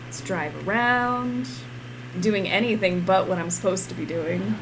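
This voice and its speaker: A woman's voice: mid-range voice, measured pace, noisy background. A woman giving playful, casual game commentary and reading on-screen text aloud. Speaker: game streamer.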